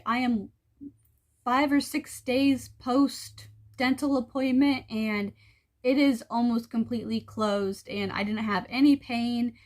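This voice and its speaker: A woman with a somewhat high-pitched voice records a casual personal vlog. She talks straight to her viewers in a conversational, explanatory way. Her delivery carries a mild exasperation. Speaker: vlogger.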